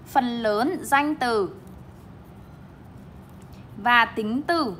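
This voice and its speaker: Bright-voiced woman English teacher. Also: a little high, very slow, slight background noise. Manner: emphatic, stresses syllables while modeling words. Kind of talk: bilingual classroom explanation.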